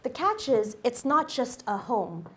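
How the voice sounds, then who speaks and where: A woman in her forties from the United States, a company executive giving a guest lecture to a university class. She speaks into a handheld microphone on a lecture hall stage and tells personal stories in a lively, upbeat way. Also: a little high, measured pace.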